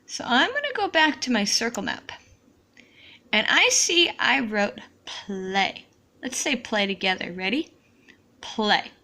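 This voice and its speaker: A woman teacher slowly modeling how to write sentences for young students, in a deliberate, encouraging classroom manner. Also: fairly high pitch, big pitch swings, pushed and bright.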